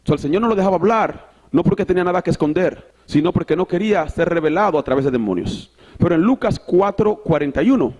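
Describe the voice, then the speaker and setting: A man with a high voice preaches a sermon. He reads the scripture out loud, repeats words and corrects himself, and drops an occasional "so" between his Spanish sentences. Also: expressive, fast talker, highs cut off. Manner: preaching with repetitions and self-corrections, reading scripture aloud. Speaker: pastor.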